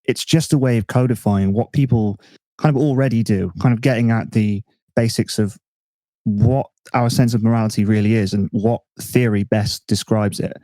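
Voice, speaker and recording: Mellow man hosting a podcast. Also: lowish voice, normal speed, no room sound. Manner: relaxed, self-mocking, thinks aloud with restarts. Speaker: podcast host. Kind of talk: casual chat.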